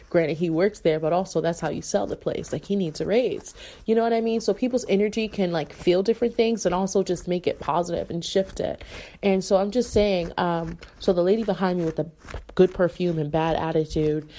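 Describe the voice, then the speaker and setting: A woman's voice: fairly low pitch, mellow. A young adult woman hosting a podcast, talking in a casual monologue full of asides and rhetorical questions. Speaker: podcast host.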